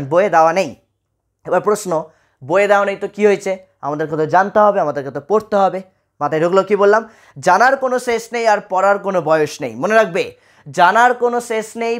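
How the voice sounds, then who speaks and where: Bengali guy teaching class, goes over stuff again and again, keeps asking if u got it. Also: high voice. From West Bengal, India. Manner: repetitive, asks students check-in questions. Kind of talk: exam-prep lecture.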